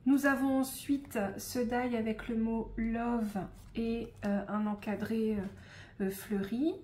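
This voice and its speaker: A woman hosting a casual unboxing of craft supplies, speaking in a relaxed, hesitant way with frequent fillers and soft asides. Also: fairly high pitch, slow. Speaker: scrapbooking shop host.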